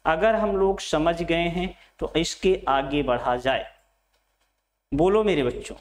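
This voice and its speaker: A middle-aged man teaching Hindi to exam students, repeating phrases, asking questions and answering them himself, and calling his students his children. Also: on the high side. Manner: addresses students fondly as children. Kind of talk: classroom lecture at a board. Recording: echoey room.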